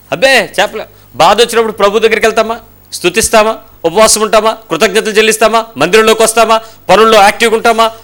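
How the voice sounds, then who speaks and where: A male pastor giving a lively sermon, firing rhetorical questions and acting out voices of the people in his stories. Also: high-pitched.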